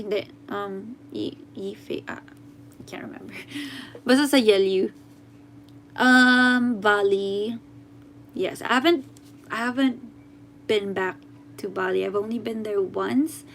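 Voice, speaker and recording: A young woman with a Filipino accent talks casually on a livestream, reading comments aloud and mixing in Tagalog. She often stops and corrects herself, and a faint hum runs underneath. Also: medium pitch. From Philippines. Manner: chatty, switches between English and Tagalog, often halting and unsure. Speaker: musician hosting a livestream.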